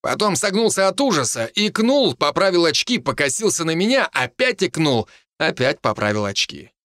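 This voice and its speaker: A man narrating an audiobook in the first person, telling it in an expressive, animated way. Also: a little high, moderate pace, no echo, clean studio sound.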